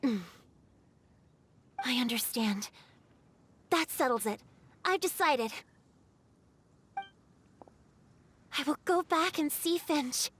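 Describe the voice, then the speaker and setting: An actress playing a gentle, wistful female water spirit in a video game, speaking softly, hesitantly and earnestly. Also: high-pitched, lively intonation, slow pace, long pauses, a little hiss or hum, heavily acted. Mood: resolved. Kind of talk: dramatic video game dialogue.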